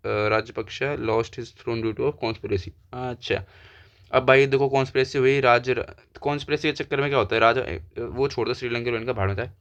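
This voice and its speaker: A man's voice: mid-range voice, a bit bright. A young man teaching an exam-prep lesson in casual chat, thinking aloud and repeating keywords again and again. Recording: dull lo-fi sound.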